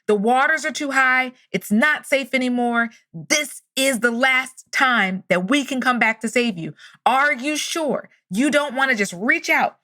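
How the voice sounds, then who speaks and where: A woman's voice: sits high, unhurried, sharp tone, no echo, clean studio sound, voice pushed up. A woman voicing a helicopter rescue crew calling down, speaking in a firm, urgent manner.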